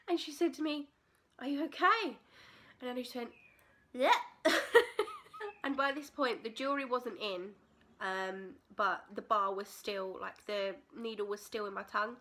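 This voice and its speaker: A woman's voice: mid-range voice, normal speed, bright, forceful tone. A British woman in her twenties telling a personal story in a casual, candid, chatty vlog style. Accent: British English. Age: 20s. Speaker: vlogger.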